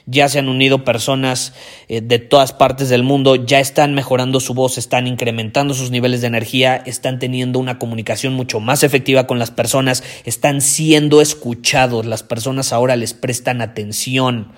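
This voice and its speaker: A man hosting a motivational podcast as a voice coach, emphatic, repeating key phrases and swinging his pitch and volume. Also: little pitch movement, normal speed. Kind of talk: energetic motivational podcast talk.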